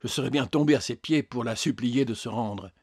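A man reading a story aloud as narrator in a steady, measured way. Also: mid-range voice, slightly rough, no room sound, clean studio sound. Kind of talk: audiobook narration.

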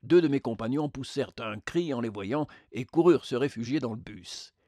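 A man reads a literary tale aloud as an audiobook, measured and even in his delivery. His voice sits at a middle pitch. The recording is dry and close. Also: no room sound. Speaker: narrator. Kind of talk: audiobook narration.

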